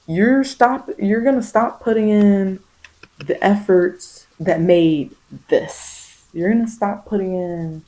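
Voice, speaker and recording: On a low-quality recording, a woman with a mellow, medium-pitched voice speaks slowly. As a tarot reader, she delivers spiritual guidance in a casual, ASMR-leaning monologue, talking directly to the listener with emphatic phrases she repeats often.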